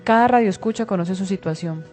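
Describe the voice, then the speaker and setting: A woman's voice: medium pitch, a little fast, darkish tone, soft background music. A woman, a radio co-host adding brief, affirming comments in a chat. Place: radio studio.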